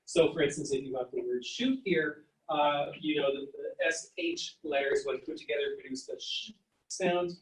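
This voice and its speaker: Male lecturer, fairly high voice, sounds out words for the class; roomy, distant pickup. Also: moderate pace, slight background noise. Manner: explanatory, sounds out words and letters. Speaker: psychology lecturer. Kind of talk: university lecture. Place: lecture hall. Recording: echoey room, mic at a distance.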